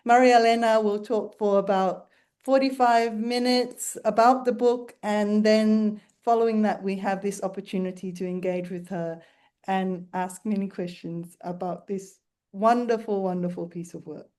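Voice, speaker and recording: A woman's voice: mid-range voice, fairly even intonation, normal speed, darkish tone. A woman moderator introducing a guest author with enthusiastic praise. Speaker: host, moderator. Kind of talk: introducing a speaker.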